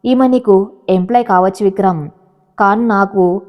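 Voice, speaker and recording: A woman's voice: mid-range voice, moderate pace, lo-fi sound, natural voice. A woman voicing a young male tycoon who is passionate and protective, speaking in urgent, emotional bursts. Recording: long hall reverb.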